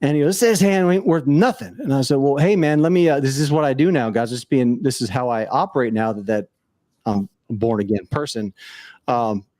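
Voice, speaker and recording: A man's voice: medium pitch, fairly quick, a little mellow, no echo, clean studio sound. A man telling a personal story on a casual podcast, earnest and rambling, with frequent restarts.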